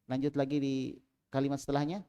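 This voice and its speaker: A man teaching an Arabic class in a small prayer room, calling on students and drilling them, with loud prompts and quiet asides. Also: mid-range voice, level tone, quick pace, smooth, dull audio.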